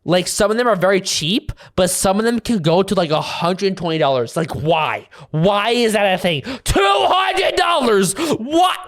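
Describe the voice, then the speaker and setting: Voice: medium pitch, animated, normal speed, hardly any pauses. A reaction video host giving casual commentary who exclaims and laughs in disbelief.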